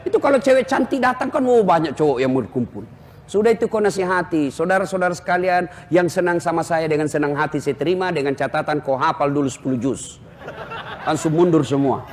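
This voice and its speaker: A man preaching a humorous sermon to a crowd, joking and animated and breaking into shouts. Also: very high voice, big-room sound.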